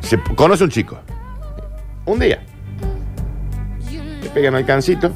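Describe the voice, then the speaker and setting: A man's voice: fairly high pitch, big pitch swings, a little slow, faint music behind. A man with a Rioplatense accent hosting a comic radio show, telling stories and giving playfully indignant replies. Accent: Rioplatense Spanish. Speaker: radio host.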